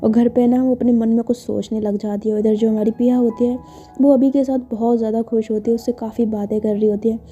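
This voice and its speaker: A woman narrates a story in a loose, chatty way, full of fillers. Her voice is fairly high yet dark and mellow. The recording sounds muffled and lo-fi, with faint music underneath. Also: fairly even intonation, brisk.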